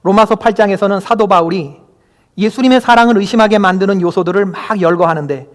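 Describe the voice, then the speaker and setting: High-voiced pastor preaching in a reverberant church. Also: male voice, fast talker. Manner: emphatic, keeps asking the congregation questions. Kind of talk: sermon. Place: church sanctuary. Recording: long hall reverb.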